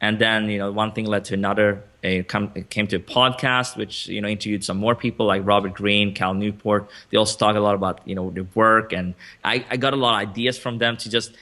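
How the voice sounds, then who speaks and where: Swedish-born guy on a video call interview, kinda low voice, bright, rambles w lots of uhs. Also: steady tone, fairly quick, few pauses. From Sweden. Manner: chatty, many fillers and restarts, laughs often. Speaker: interview guest, entrepreneur. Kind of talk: casual interview conversation.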